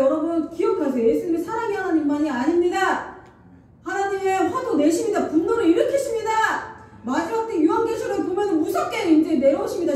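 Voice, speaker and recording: Woman pastor, high, mellow voice, animated sermon; heavy church echo, distant mic. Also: slight background noise. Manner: animated preaching, acting out Jesus's angry words. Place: church sanctuary. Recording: echoey church hall, voice from far off the mic.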